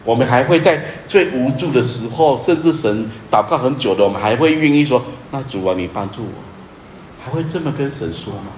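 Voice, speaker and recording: A male pastor preaching in an earnest, emphatic way, with a middle-pitched voice. He repeats key phrases and often sinks to a soft, low tone. The recording is echoey with a faint hiss. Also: lively intonation, fairly quick, few pauses. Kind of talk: sermon.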